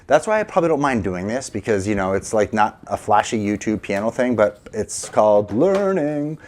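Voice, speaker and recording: A man's voice: lowish voice, very animated, normal speed, a little mellow, slight background noise. A middle-aged man teaching a casual piano lesson, encouraging and counting aloud, a little sleepy. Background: piano playing.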